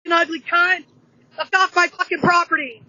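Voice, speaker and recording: A woman heard through a doorbell camera speaker, angrily yelling profanity and ordering people off her property. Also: very high-pitched, steady tone, normal speed, muffled recording. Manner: yells furious profanity, ordering officers away.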